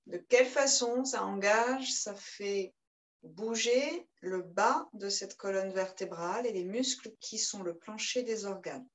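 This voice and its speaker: A woman leads a yoga session in a calm, guiding voice. Between cues she chants short, rhythmic breath sounds, keeping the class moving. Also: medium pitch, measured pace, low-quality recording. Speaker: yoga teacher. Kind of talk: guided yoga class instruction.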